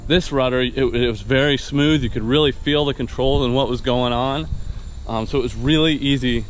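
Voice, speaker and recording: This casual outdoor review comes from a young adult man, a vlogger and new private pilot, speaking enthusiastically at normal speed with a medium pitch. Filmed on a handheld action camera at arm's length along a wooded dirt path, his talk wanders with fillers and restarts, and a little hiss or hum can be heard.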